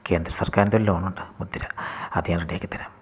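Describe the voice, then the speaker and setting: A man reading the lines of a scheming middle-aged male bank clerk in a smooth, sly way. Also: low-pitched, fairly even intonation, quick pace. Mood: persuasive.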